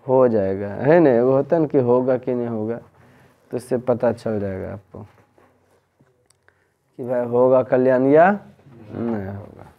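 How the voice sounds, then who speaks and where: A male teacher runs a grammar class, and he speaks slowly and deliberately. He drills his students with repeated questions. The sound is dull and lo-fi, as if recorded in a plain classroom. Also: mid-range voice. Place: tuition classroom.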